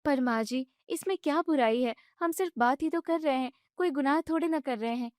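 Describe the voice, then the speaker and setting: A woman voicing a young newlywed daughter-in-law who argues back in a high, exasperated voice. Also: a little fast, a little mellow, no echo, clean studio sound, lightly acted. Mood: complaining. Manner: high, protesting complaints.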